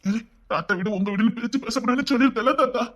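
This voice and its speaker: A woman's voice: on the high side, highs cut off, noisy background, lightly acted. A woman playing a doting grandfather who coaxes the children with endearments. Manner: quick, coaxing endearments. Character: doting grandfather, gentle and pleading.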